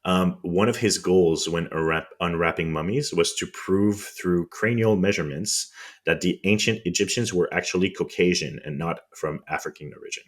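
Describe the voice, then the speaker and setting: Deep-voiced French-accented man explaining history. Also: moderate pace. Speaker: podcast co-host.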